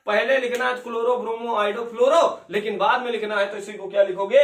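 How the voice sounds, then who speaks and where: A man's voice: high voice, fairly even intonation, brisk, fairly bright tone. A male chemistry teacher lecturing a class, firing questions at his students and answering them himself, calling them beta and bhaiya. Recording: echoey room, voice from far off.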